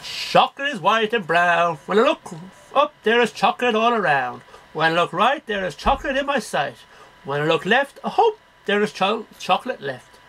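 In a low-quality recording, a middle-aged amateur poet reads verse aloud one line at a time, declaiming in a sing-song way. His voice sits high and is very animated, with vocal fry, a sharp tone, and a moderate pace. He's in a small, cluttered bedroom, picked up by a webcam roughly arm's length away.

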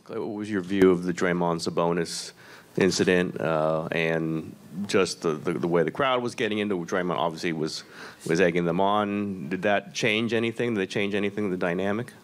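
A man's voice: deep voice, steady tone, normal speed. A man, a sports reporter asking long, rambling multi-part questions at a press conference.

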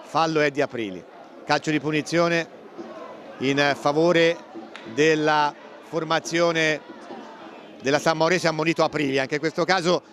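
An Italian man gives live play-by-play commentary on a football match in a fairly bright, slightly high voice with fairly even intonation. He speaks a little slowly, with long pauses, over faint stadium crowd noise and outdoor ambience.

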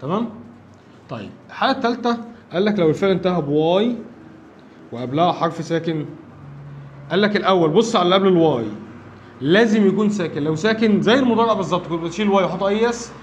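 A man's voice: high voice, lively intonation, very fast, lo-fi sound, slight background noise. A man with an Egyptian Arabic accent teaching an English grammar lesson, explaining step by step and often checking that his listeners follow.

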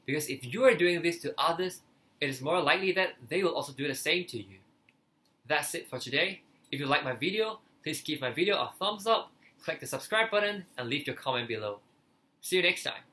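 In a small indoor living room, a young Cantonese-accented man from Hong Kong, a native Cantonese speaker who vlogs about language learning, earnestly talks opinions to camera. His voice is a little high, a little fast, bright and forceful, with lively intonation.

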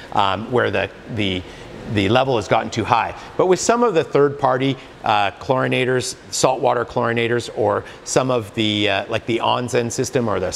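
Standing in a spa supply store, a man in his forties with a Canadian accent earnestly walks the camera through hot tub care, demonstrating products and stumbling through many fillers and restarts. He wears a lapel mic, and his voice is mid-range and gravelly. A long reverb tail and slight background noise fill the space.

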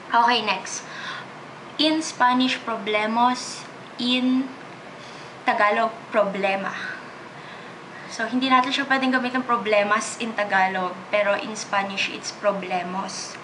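Sitting close to the camera in a small bedroom, a chatty woman in her twenties from the Philippines vlogs casually, her Filipino accent coming through a medium-pitched voice. She mixes English, Tagalog and Spanish freely, and the background is noisy.

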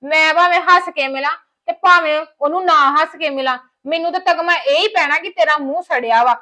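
An actress playing a resentful daughter-in-law who complains bitterly about family money and a wedding. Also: female voice, high-pitched, fairly quick, pushed and bright. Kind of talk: village family drama acting.

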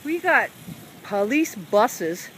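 A high, lively woman chats wryly as she films on a handheld phone. She asks questions about what she sees as she walks. Wind and traffic come through clearly on the outdoor recording. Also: drawn-out words, low-quality recording. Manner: wry, questioning, chatty. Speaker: vlogger filming a walk. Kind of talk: casual running commentary. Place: outdoors in a seaside park by a road. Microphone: handheld phone camera.

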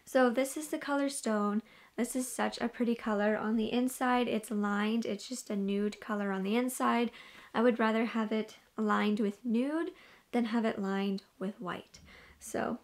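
A woman's voice: a little high, fairly even intonation, unhurried. Chatty young woman reviewing gym clothes. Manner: chatty, repeats "really, really" and "like". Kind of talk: casual try-on review. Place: small wood-panelled bedroom.

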